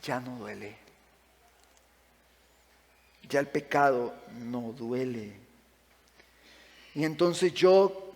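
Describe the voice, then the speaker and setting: A man preaching a sermon as pastor, passionate, rising to loud emphatic peaks and sinking to quiet pleading. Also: medium pitch. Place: church sanctuary. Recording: long church-hall reverb.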